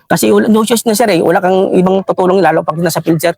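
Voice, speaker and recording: A man with a Filipino accent recounting a war story in an interview, halting and repeatedly addressing the listener as sir. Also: sits high, gravelly, darkish tone, no room sound. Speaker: retired army ranger scout.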